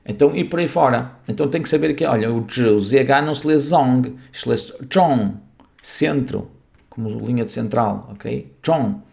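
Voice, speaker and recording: A man's voice: medium pitch, normal speed, creaky, a little mellow. A man with a European Portuguese accent teaching a class, explaining patiently and often checking that his students follow. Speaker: martial arts instructor. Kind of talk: classroom lecture.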